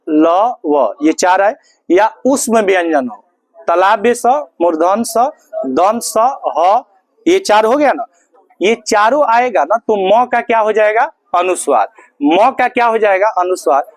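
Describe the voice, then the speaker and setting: A man's voice: high-pitched, no echo. A male teacher with a Bihari Hindi accent, giving a classroom grammar lesson and drilling students with call-and-response questions.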